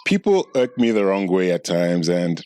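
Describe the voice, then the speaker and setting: A man with a fairly low voice hosts a casual podcast conversation. He is easygoing, laughs readily, and often restarts his sentences mid-thought. The sound is close and dry, like a small podcast studio. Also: sing-song, normal speed, mellow, no echo. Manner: laid-back, laughs often, rambling restarts. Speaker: podcast co-host. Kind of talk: casual chat. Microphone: studio podcast mic.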